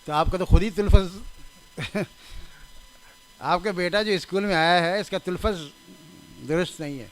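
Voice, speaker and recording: An older man delivers a sermon in a chatty, storytelling way. His voice sits high for a man and sounds smooth and resonant. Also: pauses often, fairly bright tone. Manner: conversational, anecdotal, stresses correct pronunciation; laughs at his own anecdotes. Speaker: religious scholar giving a reform talk.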